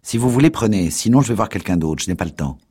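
A man's voice: deep voice, lively intonation, moderate pace, a little mellow, breathy edge, full character voice. A man playing a feverish, tense young man who answers in brusque, curt replies.

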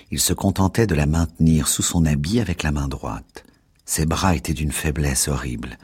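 Deep husky male narrator. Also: darkish tone. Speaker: audiobook narrator. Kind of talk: scripted narration.

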